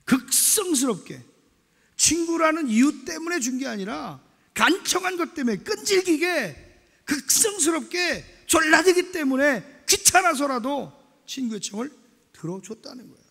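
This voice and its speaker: A man preaching a sermon as pastor, animated and acting out dialogue in a loud, lively way. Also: very high voice, normal speed, creaky, big-room sound.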